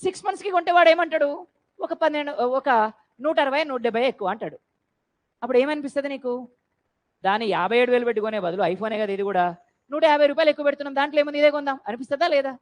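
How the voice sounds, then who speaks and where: High-voiced teacher quizzing a class. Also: female voice, animated, very fast, poor audio. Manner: quizzing, prompting students to answer loudly. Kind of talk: classroom lecture.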